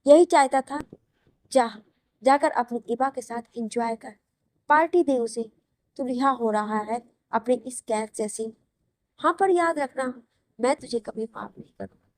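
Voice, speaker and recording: A woman's voice: a little high, unhurried, long pauses, dry recording, natural voice. A woman voicing a mother-in-law who scolds her son furiously in a read-aloud audio story. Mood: angry. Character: stern loving mother-in-law, fierce when angry.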